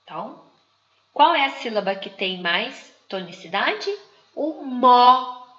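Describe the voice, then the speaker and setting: A woman giving a slide lecture to teachers, speaking in a slow, didactic way and drawing out example words. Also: medium pitch, sing-song, fairly bright tone. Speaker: teacher trainer. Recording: muffled, echoey room.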